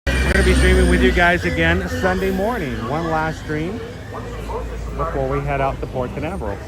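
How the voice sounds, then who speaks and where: A man's voice: fairly high pitch, fairly even intonation, normal speed, low-quality recording. A man hosting a livestream, chatting casually to his viewers. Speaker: livestream host. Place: outdoor theme park. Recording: loud outdoor crowd and vehicle noise. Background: crowd, vehicles.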